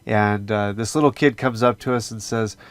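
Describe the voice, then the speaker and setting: A man's voice: fairly low pitch, moderate pace, smooth. A man giving an earnest, conversational scripture lesson, with fillers as he explains. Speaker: religious teacher. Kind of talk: casual scripture teaching.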